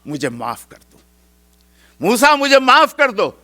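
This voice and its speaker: A man's voice: a little high, lively intonation, bright, forceful tone. A man preaching a sermon voices a proud rich man as he sinks into the earth, begging desperately for forgiveness.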